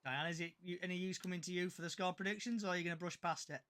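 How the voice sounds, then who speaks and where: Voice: mid-range voice, fairly even intonation, fairly bright tone. A host teasing guests and running a live fan podcast. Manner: teasing, brisk.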